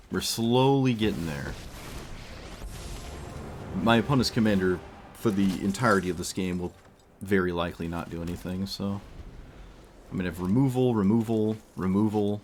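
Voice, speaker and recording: Low-voiced guy casually commentating his card game, voice going a bit hoarse, trails off with "so". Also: slight background noise. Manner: thinking aloud, trailing off with "so". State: losing his voice. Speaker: streamer playing a card game.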